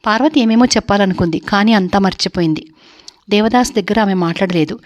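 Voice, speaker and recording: Woman reading a novel aloud. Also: mid-range voice. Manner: steady, measured narration. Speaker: storyteller.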